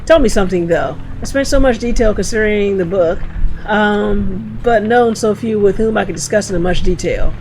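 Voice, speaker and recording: A woman's voice: medium pitch, normal speed, a little mellow, soft background music, lightly acted, poor audio. A woman reading the lines of a bookish older male scholar from a game, stumbling and restarting as she reads. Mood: musing.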